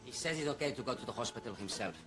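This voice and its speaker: An actor playing an earnest, slow-spoken male hotel worker. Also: mid-range voice, animated, over music, natural voice. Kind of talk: sitcom acting.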